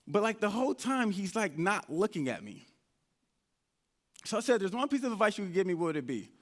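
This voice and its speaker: A man's voice: high voice, sing-song, brisk. A man from Indianapolis giving a motivational talk at a live event, telling his life story and acting out his own past conversations. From United States (Indianapolis). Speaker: motivational speaker. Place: event stage before an audience.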